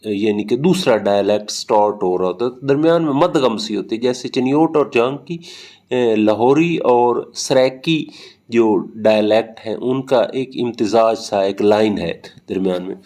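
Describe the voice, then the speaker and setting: A man from Pakistan lectures on linguistics in a recording, his voice on the low side, a little mellow and slightly slow. He explains through everyday examples and hesitates often with fillers.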